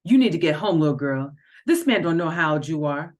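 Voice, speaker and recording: A woman voicing a jealous young woman at a dance, sharp and demanding as she scolds. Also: deep voice, animated, drawn-out words, heavily acted. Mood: furious.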